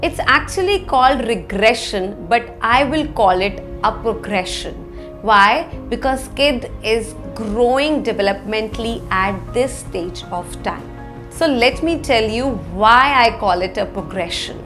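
A parenting educator in her thirties with an Indian accent presents an explainer lesson to camera over background music. Her voice is fairly high, a bit bright and lively in intonation, and she phrases things deliberately and with emphasis.

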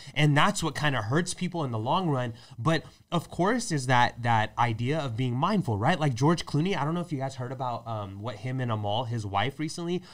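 A man's voice: medium pitch, fairly bright tone. A man hosting a podcast in a casual chat, laid-back and slangy, laughing often. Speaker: podcast host.

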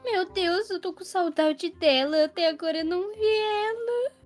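Woman voicing a distraught young mom, very high and fretful, game role-play. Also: normal speed, faint music behind. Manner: fretful, sighing "ai, meu Deus". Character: distraught young mother of a missing baby.

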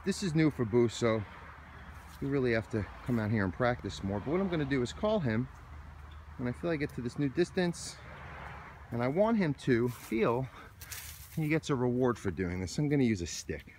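Out on a hiking trail, an American dog trainer walks his dog, calling commands and talking through obedience steps as a training demo. His voice sits at medium pitch, and there's slight background noise.

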